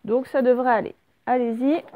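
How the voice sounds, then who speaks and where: A woman's voice: a little high, fairly even intonation, normal speed, no room sound, phone-quality sound. A woman teacher giving a patient spelling lesson, spelling words out letter by letter for young pupils. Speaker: primary school teacher. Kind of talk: recorded remote spelling lesson.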